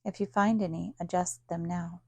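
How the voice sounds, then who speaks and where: A yoga nidra teacher leads a guided relaxation in a fairly low, soft-edged, mellow voice with noticeable vocal fry. She calmly delivers short instructions separated by long pauses, and the dry, close recording has no room sound around it.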